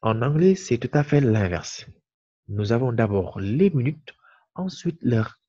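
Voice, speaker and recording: A man teaching a lesson to viewers, slow and deliberate, repeating key words. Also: mid-range voice, animated, warm tone, breathy edge. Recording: muffled lo-fi recording.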